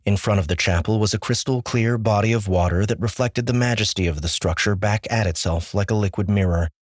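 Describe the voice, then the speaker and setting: A man narrating an audiobook with measured, steady storytelling. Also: fairly low pitch, dry recording, studio quality. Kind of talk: scripted narration.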